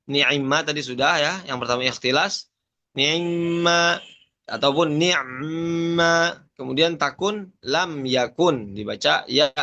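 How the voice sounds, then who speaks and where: A man's voice: a little high, sharp tone, muffled recording. A young man teaching an online lesson on variant Quranic readings, listing words and chanting short phrases. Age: young adult.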